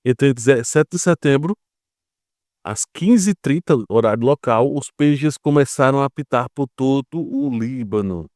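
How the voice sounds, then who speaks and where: This Brazilian man, a geopolitics commentator, has a medium-pitched, animated voice with a touch of mellowness, talking at a normal speed. The studio recording is clean and echo-free. His informal Brazilian Portuguese commentary is chatty and explanatory, full of rhetorical questions and quick tags to check in with listeners.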